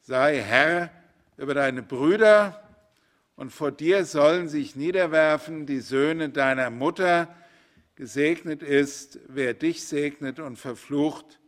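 A man voicing an aged, blind father who solemnly blesses his sons, reciting slowly in biblical style. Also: a little high.

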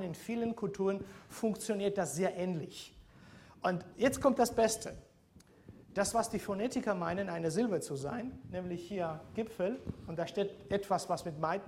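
A man teaching a university seminar, explaining step by step and often checking in with the class. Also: high voice. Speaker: university lecturer. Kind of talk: seminar lecture.

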